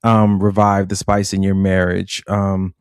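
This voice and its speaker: A man co-hosting a casual relationship podcast, speaking in a reflective, measured way and stretching words for emphasis. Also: deep voice, monotone, clean tone, no echo, studio quality. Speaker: podcast co-host.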